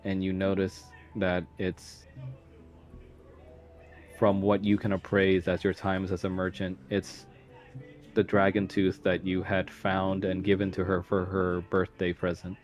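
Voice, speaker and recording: A man narrating a tabletop role-playing game as game master, describing scenes at an unhurried pace with some fillers. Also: sits low, monotone, soft background music.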